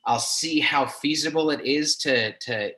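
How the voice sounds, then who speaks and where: A man's voice: a little high, unhurried, bright, forceful tone, rough recording. A young man in casual podcast chat who tells stories in a chatty way and laughs as he talks. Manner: chatty storyteller, laughs while talking. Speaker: podcast co-host.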